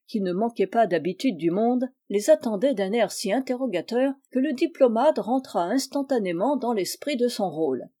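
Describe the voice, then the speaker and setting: Dark-toned woman reading a novel. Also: fairly high pitch. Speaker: audiobook reader. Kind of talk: literary audiobook narration.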